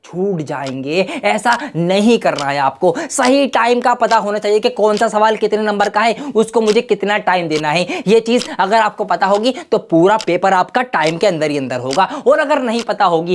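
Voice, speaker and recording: A woman's voice: medium pitch, slight background noise. A woman teacher giving students emphatic warnings about exam mistakes, speaking straight to them. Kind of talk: exam tips lesson to students.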